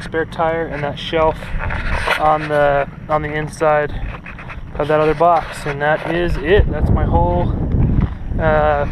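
A man talks through a casual, rambling walkthrough outside in open desert, filling gaps with ums and uhs. His voice is a bit high and flat, with little rise or fall. Clear wind and outdoor noise sits under it on the camera mic. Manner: rambling, many fillers, hands-on. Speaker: vlogger showing his trailer. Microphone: head-mounted action camera.

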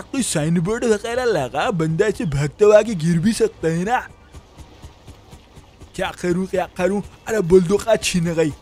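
A man doing a broke young shop helper in a game role-play, talking to himself nonstop in a Pakistani Urdu accent. His voice sits high for a man, and he rambles and chuckles between lines. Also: darkish tone. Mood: worried. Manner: rambling self-talk, frequent chuckles and "yaar".

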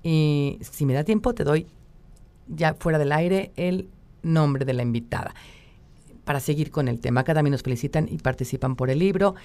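Mexican woman radio host, lowish voice, upbeat, reads listener greetings on air. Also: moderate pace, warm tone. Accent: Mexican Spanish. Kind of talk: live radio talk show.

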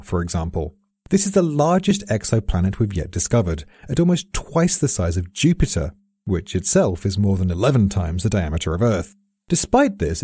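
A man's voice: on the low side, dark tone, breathy edge, no room sound. British guy reading a science script, dry wit, bouncy delivery. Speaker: explainer. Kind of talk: scripted narration.

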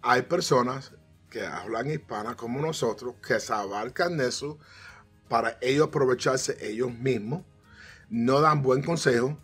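A middle-aged financial strategist, American-born to Cuban parents, is a guest in a casual interview, seated on an armchair on a TV studio set. He is animated and gestures a lot, restarting often and mixing in English words like "so." His mid-range voice is slightly rough and a little slow, with soft background music.

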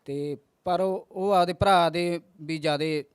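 A man in his thirties tells his story to an interviewer, halting and earnest, often restarting his sentences. His voice sits a little high for a man, recorded close and dry. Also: steady tone, clean tone, dry recording. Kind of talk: news interview testimony.

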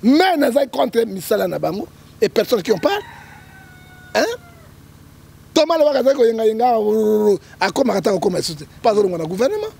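Male prophet guest, Congolese accent, emphatic commentary; gravelly, husky tone. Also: sits high, expressive, quick pace, dark tone. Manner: emphatic, keeps checking with "hein?", quotes scripture. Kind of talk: political commentary in an interview.

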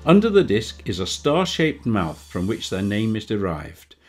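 A man reading scripted nature documentary narration in a measured, wryly playful storytelling manner. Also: lowish voice, very animated, darkish tone. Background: background music.

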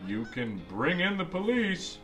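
Speaking in a fairly high, sing-song voice with a bright tone, a man plays old Santa Claus and takes his time reading a picture book to kids. It's an animated, exclaiming performance, playful and insistent, full of chatty asides, with music in the background.

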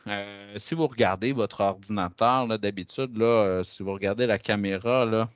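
A man with a Québécois French accent walking teachers through classroom software in a chatty, hesitant way, with plenty of fillers. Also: lowish voice, moderate pace, no room sound, dull audio. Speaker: educational technology trainer. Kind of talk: screen-share software demo. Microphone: headset.

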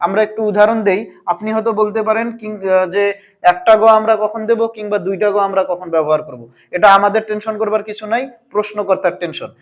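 A man's voice: high voice, steady tone, fast, highs cut off. A man teaching a language lesson, asking his viewers questions and answering them himself. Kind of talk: explanatory grammar lesson.

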